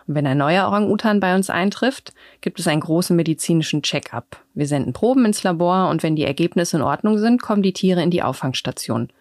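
A woman's voice: on the low side, animated, brisk, few pauses, darkish tone, no echo. A woman reading a scripted voice-over translation of an interviewee's answers.

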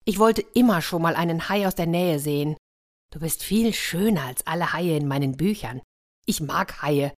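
Woman doing eager storybook boy, kind and cheerful, raised childlike pitch. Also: normal speed, lightly acted.

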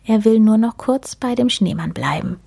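A woman reading a children's story aloud in a gentle, expressive storytelling manner. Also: on the high side, moderate pace, creaky, husky. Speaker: narrator.

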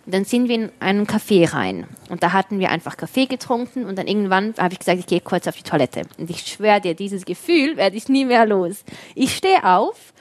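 A young woman telling a personal story in casual chat, lively and animated, quickly voicing the people in it. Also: medium pitch. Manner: animated storytelling, voices others in quick asides. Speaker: storyteller in a conversation.

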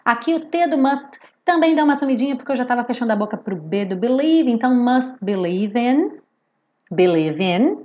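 A woman with a fairly high voice teaching English pronunciation through song lyrics. She draws words out slowly, then moves on with quick, chatty explanations. The sound is a little dull and lo-fi. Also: expressive, darkish tone, slight background noise.

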